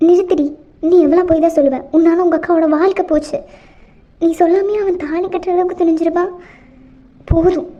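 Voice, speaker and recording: A woman's voice: very high voice, fairly even intonation, normal speed, dark tone. A woman voicing a stern middle-aged mother who scolds her daughter harshly, in a hobby drama. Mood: furious. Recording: muffled lo-fi recording.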